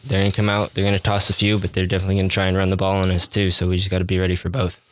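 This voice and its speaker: A young man answers casually as a football player in a sports interview. His voice is fairly low, recorded close and dry. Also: monotone, very fast, no room sound.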